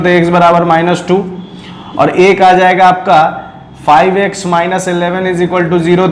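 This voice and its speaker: In a recorded classroom lecture, a male physics teacher from India works through a problem step by step, often asking whether students are following. His voice sits high, and the room is echoey with a little hiss or hum.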